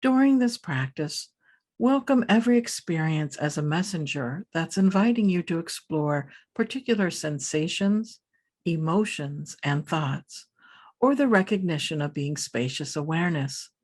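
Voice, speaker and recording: Pausing between phrases, a woman leads a scripted guided meditation as the teacher. Her voice is low, and she sounds soothing, calm, and measured.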